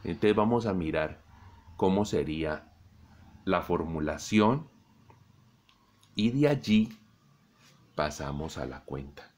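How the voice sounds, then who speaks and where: A middle-aged Colombian man teaching a physics lesson, explaining slowly and deliberately to his students. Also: sits low, expressive, a little mellow. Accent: Colombian Spanish. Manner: slow, deliberate explaining, addresses students directly. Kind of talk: recorded classroom lesson.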